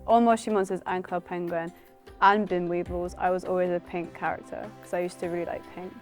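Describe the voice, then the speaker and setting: A woman's voice: lowish voice, little pitch movement, a little fast, faint music behind. A twenty-one-year-old woman from Cambridge chatting casually in an interview. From Cambridge, England.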